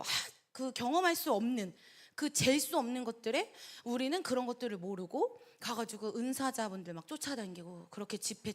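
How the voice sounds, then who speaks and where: A middle-aged woman, a pastor's wife, teaching a church Bible study with chatty, animated storytelling and acted-out voices. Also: on the high side. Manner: chatty, laughs between points. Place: church hall.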